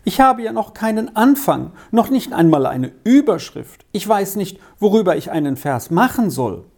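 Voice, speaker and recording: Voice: medium pitch, sing-song, moderate pace, a little mellow, pitched above the performer's own voice. A storybook reader voicing a shy twelve-year-old girl who frets and complains anxiously. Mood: plaintive. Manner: plaintive, fretful.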